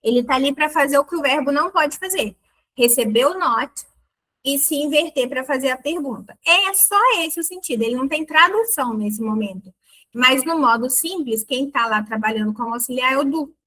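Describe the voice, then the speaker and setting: A woman teaching an online English lesson, explaining grammar in a lively, playful way and exaggerating her intonation on examples. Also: high-pitched, brisk, poor audio. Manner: chatty and playful with students.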